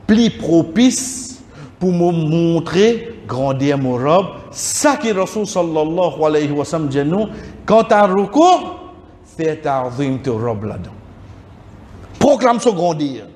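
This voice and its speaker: A man giving a religious lesson in a mosque hall, slowly repeating Arabic words to correct their pronunciation. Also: fairly high pitch, darkish tone. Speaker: religious teacher.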